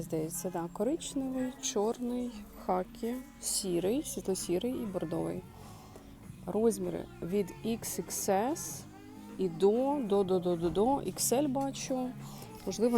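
Woman, casual shopping vlog, chatty, thinking aloud, mid-pitched voice, music playing behind. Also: vocal fry. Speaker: shopping vlogger. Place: inside a clothing and home goods store.

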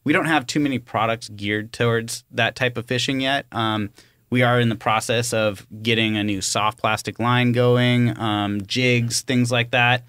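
A man's voice: mid-range voice, steady tone, unhurried, fairly bright tone, clean tone, dry recording. Guy guest on a podcast, laid back, just talking through his business, dead dry sound. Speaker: podcast guest, fishing tackle business owner. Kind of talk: casual chat. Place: small studio with several guests. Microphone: studio mic on boom arm with headphones.

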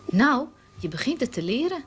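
Storybook husband, relaxed and offhand, read by a woman in her own voice. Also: medium pitch, normal speed, slight background noise, natural voice. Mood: easygoing. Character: easygoing sweet-toothed husband.

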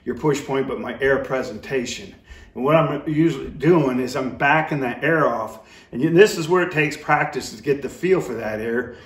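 A man's voice: medium pitch, normal speed. A middle-aged man giving a casual, folksy, rambling instructional demonstration as a calling coach. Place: indoor room with brick fireplace. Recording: roomy, echoey, distant microphone.

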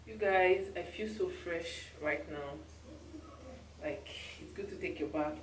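A woman's voice: lowish voice, slow pace. A young Nigerian woman with a Nigerian accent, chatting casually to her camera in a hotel room. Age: young adult. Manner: chatty and relaxed, loose run-on talk. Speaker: vlogger. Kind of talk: casual vlog talk to camera. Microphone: handheld camera mic at arm's length. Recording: roomy with clear background noise.

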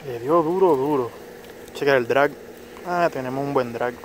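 Casual commentary from a young man recording himself fishing beside a small wooded pond: quiet muttering that turns to excitable bursts when a fish strikes. His voice is mid-range and moderately paced. The low-quality audio, from a head or chest-mounted action camera, carries faint background noise.

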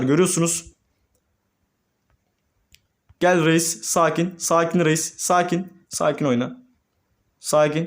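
A young man, a gaming YouTuber, commentating his own gameplay and swinging between calm murmurs and excited shouts. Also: on the high side.

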